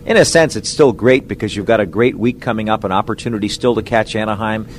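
A man hosting a sports radio interview show in a smooth, polished broadcaster's delivery. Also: on the low side, fast, a little hiss or hum.

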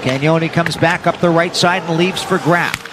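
High-pitched male hockey announcer, North American. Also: moderate pace, background noise. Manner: energetic, descriptive running call. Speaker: ice hockey play-by-play radio announcer. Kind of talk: live sports play-by-play commentary.

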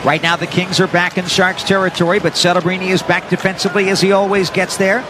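A North American man calling live ice hockey play-by-play for radio in an energetic, descriptive running style. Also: high-pitched, fast, noisy background. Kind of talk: live sports play-by-play commentary.

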